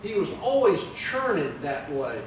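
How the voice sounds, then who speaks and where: A man's voice: a little high, very animated, a little slow, far from the mic, slight background noise. An older man, a judge giving a folksy memorial speech with many fillers. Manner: folksy, warm storytelling with fillers. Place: large room at a plaque dedication. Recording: echoey room, mic from afar.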